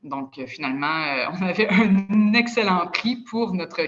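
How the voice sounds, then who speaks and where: A woman's voice: fairly low pitch, lively intonation, a little slow, a bit bright, muffled recording, a little hiss or hum. A woman with a Quebec French accent giving a chatty, persuasive sales presentation over a video call. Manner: chatty and persuasive, with casual asides. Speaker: presenter of a travel club.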